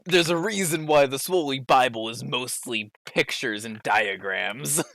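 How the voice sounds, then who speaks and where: A man's voice: medium pitch, measured pace, creaky, a bit bright, no echo, clean studio sound. A man narrating a tabletop game casually as the game master.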